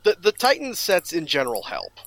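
Chatty man with a higher voice. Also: wildly swooping pitch, a little fast, gravelly, a crowd in the background. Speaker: podcast co-host. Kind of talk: casual chat.

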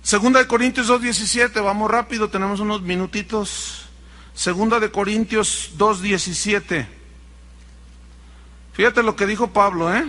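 Mexican pastor, male; animated preaching with mocking asides, pitched high. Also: moderate pace. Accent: Mexican Spanish. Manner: animated, mocking impersonations of others. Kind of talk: sermon.

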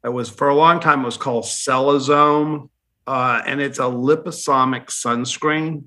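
A man's voice: mid-range voice, steady tone, unhurried, sharp tone. A man talking as a skincare specialist guest in a casual panel chat, rambling and restarting his sentences. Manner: rambling, self-correcting, chatty.

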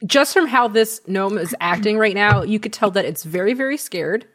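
A woman's voice: medium pitch, lively intonation, normal speed, fairly bright tone. A woman game master narrating a tabletop game in a chatty way, with many fillers and laughs.

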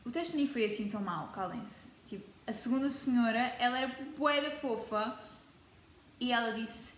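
Talking to camera at normal speed, a Portuguese teenage girl vlogs in a chatty, dramatic way with a European Portuguese accent and scattered English words. Her voice is fairly high and animated, with a little hiss or hum in an echoey room carrying faint ambience.

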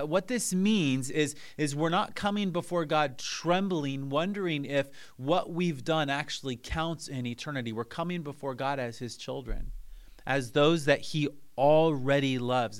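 A man's voice: mid-range voice, clean tone. A man preaching a sermon as pastor, earnest and repeating phrases for emphasis.

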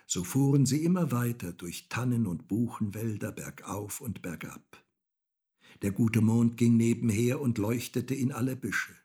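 A man reading a children's story aloud, slow and expressive. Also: lowish voice, slightly rough.

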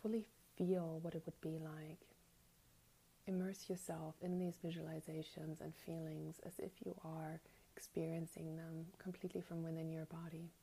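A woman guiding a meditation in a soft, breathy, near-whispered spa-like voice. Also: low voice, level tone, moderate pace, low-quality recording. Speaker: meditation guide. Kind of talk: guided meditation. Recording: meditation music under the voice. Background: music.

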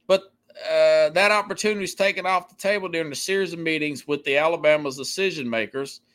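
A man hosting a sports podcast gives unscripted, opinionated commentary in a halting, emphatic style, frequently looping back to repeat his points. His voice sits on the high side with a fairly bright tone.

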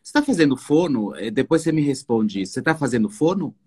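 A man interviewing a guest in a relaxed chat, asking playful, teasing and affectionate questions. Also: medium pitch, fast talker, slightly rough.

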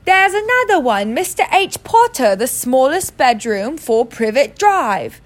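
A woman voicing a spoiled, loud schoolboy in a read-aloud storybook, with a high shrill voice. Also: big pitch swings, unhurried. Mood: shouting. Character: spoiled whiny boy, loud and bratty.

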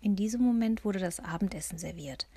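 A woman reading a first-person audiobook narration in a soft, hushed voice. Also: medium pitch, a little fast, creaky, slightly rough, dry recording.

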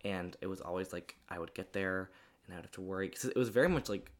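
Fast rambling young co-host. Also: low-pitched. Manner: rambling, full of fillers and restarts. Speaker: podcast co-host. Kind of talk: casual chat.

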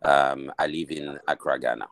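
Guy from mali, super low voice, dry sound, lots of uh and um. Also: fairly even intonation, normal speed, a bit bright, no room sound. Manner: hesitant, many restarts and fillers. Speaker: guest entrepreneur. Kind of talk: interview answers.

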